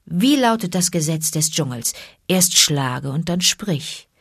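Wise protective panther, low and hushed, read by a woman; dry close sound. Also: slow pace, slightly rough, no room sound, exaggerated voice. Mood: confiding. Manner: calm, low and confiding, urgent at times. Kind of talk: audiobook character reading.

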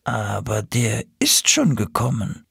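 A man voicing an anxious male crow, speaking softly and hesitantly. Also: lowish voice, huge pitch swings, slow pace, vocal fry, breathy edge, no echo, studio quality, heavily acted. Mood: uneasy. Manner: soft, uneasy, hesitant.

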